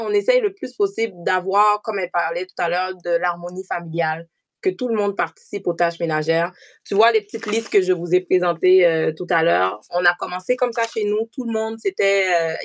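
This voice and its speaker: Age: about 40. Sex: woman. Origin: from Haiti. Pitch: fairly low. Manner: frank, thoughtful live-stream guest with "euh" fillers. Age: 40s. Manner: frank, reflective, many fillers. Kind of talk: casual live-stream chat.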